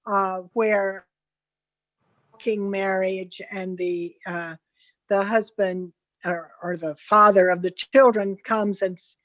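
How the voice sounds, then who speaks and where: A woman speaking as a guest on an online panel over a video call, her audio choppy and cutting out, halting and searching for words. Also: medium pitch, fairly even intonation, dry recording, low-quality recording. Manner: halting, searching for words with many pauses and fillers. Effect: choppy video call audio that keeps cutting out.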